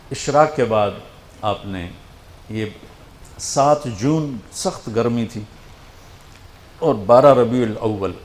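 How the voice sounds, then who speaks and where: An older man preaching an emotional sermon, telling a story with dramatic swings and dropping to a hush for quoted lines. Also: on the low side, reverberant, slight background noise. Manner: dramatic, quotes figures in a hushed voice.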